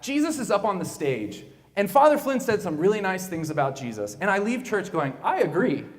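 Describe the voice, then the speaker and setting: A man with a high, bouncing voice gives an animated keynote, chatty and playful, speaking straight to his listeners. His voice carries through a large, echoey hall. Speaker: keynote speaker, director of evangelization. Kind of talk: lively keynote talk.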